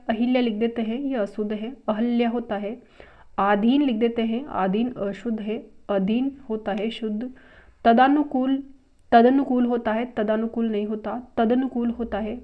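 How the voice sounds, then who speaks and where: A woman teaching a grammar lesson with a fairly high voice. She drills one word after another in a brisk, repetitive manner and calls out each new word louder. The recording sounds dull and lo-fi. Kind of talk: exam-prep grammar lesson.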